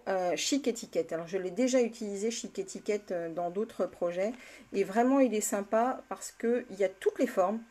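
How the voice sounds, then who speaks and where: A woman's voice: mid-range voice, dark tone. A woman leading a live card-making tutorial, chatting with viewers by name and laughing often as she works. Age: older. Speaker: crafting demonstrator.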